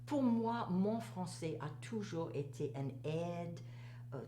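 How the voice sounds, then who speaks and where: An older woman with a Cajun French accent, a teacher looking back on her career, reminisces in a casual interview. Her lowish, mellow voice moves slowly with lively intonation, and she repeats phrases for emphasis and drops in the odd English word, in an echoey room with faint hum and noise.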